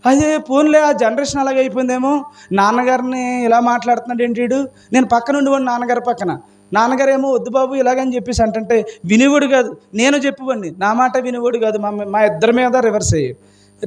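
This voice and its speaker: A man's voice: very high voice, fast talker. A male pastor preaching a sermon with passion, asking his congregation question after question. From India. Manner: impassioned preaching with rhetorical questions.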